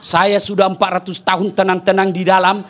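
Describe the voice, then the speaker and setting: A grumpy old jinn who has guarded a well for ages, as a preacher puts him on in a high voice. He complains with mock grievance, told as a comic bit in a sermon. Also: level tone, fairly quick, a bit bright. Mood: aggrieved. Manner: aggrieved complaining.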